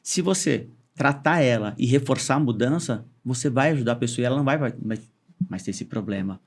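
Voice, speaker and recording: A man of ordinary pitch talks as a guest on a podcast, explaining hypnosis and therapy in loose, conversational terms. He circles back and rephrases often, with plenty of filler words along the way. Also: brisk. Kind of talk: casual podcast chat.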